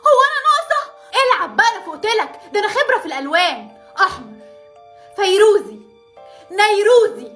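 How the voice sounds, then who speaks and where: A woman with an Egyptian Arabic accent telling an animated cartoon story, dramatic and exclamatory, with quick comic reactions. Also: very high voice, faint music behind.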